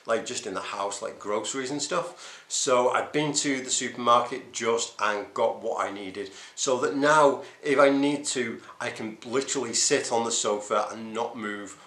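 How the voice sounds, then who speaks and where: A man's voice: medium pitch, moderate pace, a bit bright, echoey room. A man recording a casual, hesitant video diary, thinking aloud as he talks. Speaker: runner vlogging his race preparation.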